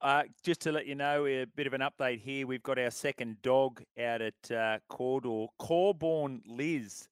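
A man's voice: medium pitch, unhurried, few pauses, clear, resonant tone, no echo, studio quality. A man with an Australian accent presenting sports radio in an easygoing, matey, conversational way.

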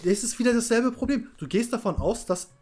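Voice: medium pitch, expressive, fairly quick, a little mellow. A speaker in a heated casual debate, bluntly pushing back and insisting on their point.

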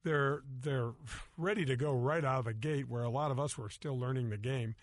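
A middle-aged man hosting a casual golf talk show, telling stories with animated quoted voices. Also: medium pitch, moderate pace, no echo. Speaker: golf show host, former tour pro. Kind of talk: casual radio show chat.

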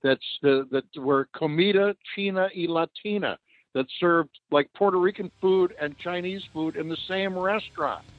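A man's voice: high-pitched, normal speed, dry recording. A man from New York with an American accent, chatting casually as a radio caller over a lo-fi line. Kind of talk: casual chat.

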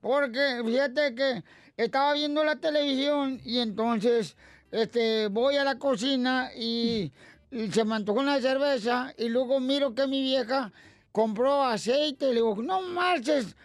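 A man's voice: very high voice, unhurried, no room sound, studio quality. A man doing a drawling old rancher joker. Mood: joking. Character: old rancher joker Casimiro from Michoacán, bawdy. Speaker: comedy character on radio show.

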